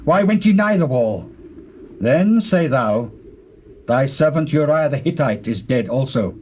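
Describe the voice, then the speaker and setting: An actor playing a stern biblical military commander, declaiming forcefully in a British accent in dramatized scripture. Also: male voice, medium pitch, expressive, unhurried, slight background noise, lightly acted. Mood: urgent, stern. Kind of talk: dramatized scripture acting in archaic English.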